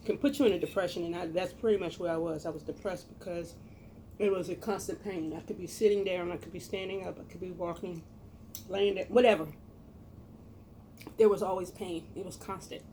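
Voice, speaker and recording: American woman, middle-aged, mellow mid-pitched voice, casual vlog chat, folksy and expressive, noisy home recording. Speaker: cooking vlogger.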